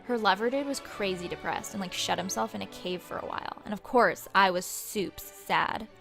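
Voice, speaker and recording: A woman's voice: mid-range voice, moderate pace, gravelly, over music, close to an everyday voice. A young woman playing a bubbly, slangy female ghost who vlogs her afterlife in a breezy, flippant valley-girl manner for a comedy web series. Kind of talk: comic vlog monologue.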